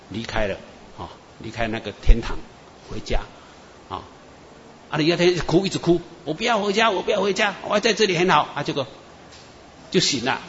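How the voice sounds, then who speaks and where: A man preacher, telling dream testimonies in an animated storytelling sermon. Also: mid-range voice, slight background noise. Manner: animated storyteller, many "啊" and "哈" tags. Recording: echoey muffled hall with faint ambience.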